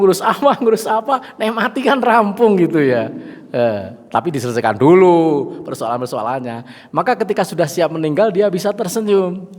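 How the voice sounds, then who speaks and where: A middle-aged man with a Javanese accent preaching a lively sermon to a gathering, chatting with and joking with the audience. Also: fairly high pitch. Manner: lively, mixes in Javanese phrases and jokes with the audience. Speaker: Islamic preacher. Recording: long hall reverb.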